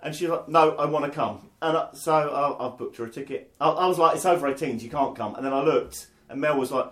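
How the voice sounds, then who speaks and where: A man, co-hosting a podcast and telling sweary, animated anecdotes. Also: on the high side, brisk. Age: 40s. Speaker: podcast co-host. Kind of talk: casual storytelling.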